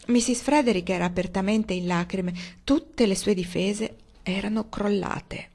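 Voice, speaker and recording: Woman reading a novel aloud. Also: mid-range voice. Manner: steady, measured reading. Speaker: audiobook reader. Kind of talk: audiobook narration.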